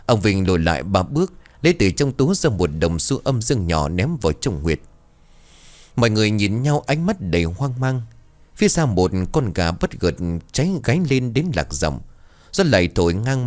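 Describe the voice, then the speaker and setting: Male horror narrator, low and expressive, dramatic storytelling. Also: moderate pace.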